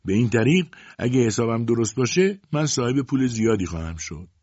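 A man voicing a strong, stingy, greedy middle-aged mother who scolds and shouts at her daughter in a storybook reading. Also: medium pitch, animated, dry recording, pitched above the performer's own voice, close to an everyday voice. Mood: shouting. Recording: dull dry lo-fi audiobook recording.

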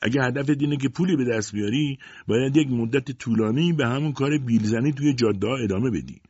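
A man voicing a stingy, domineering farmer father who talks loud and mocking in an audiobook. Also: medium pitch, slightly rough, no room sound, dull audio, pitched above the performer's own voice. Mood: scornful.

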